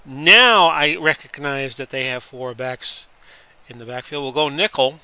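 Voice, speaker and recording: A man hosting a stream and giving play-by-play commentary over a sports simulation game. He talks like an announcer and breaks into excited outbursts on big plays. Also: medium pitch, a little slow, smooth, dry recording. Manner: announcer-style calls that rise into excited outbursts. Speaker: streamer and host.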